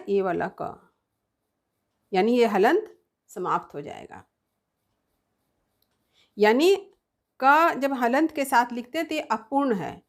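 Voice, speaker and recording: A woman teaching a grammar lesson, explaining step by step, sounding out letters one at a time and answering her own questions. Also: on the high side.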